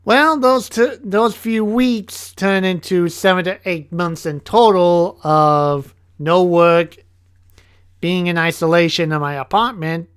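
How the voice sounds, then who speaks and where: A young man telling a casual vlog story about his year, halting often and restarting his sentences. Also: sits high, smooth, no room sound, studio quality. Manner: halting, with many restarts and fillers. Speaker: vlogger, English teacher.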